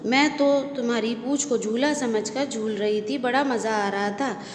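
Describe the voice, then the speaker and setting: Teacher doing a playful little squirrel girl, high and startled, echoey room. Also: slight background noise, close to an everyday voice. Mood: surprised. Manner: halting, surprised. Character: playful young female squirrel, surprised.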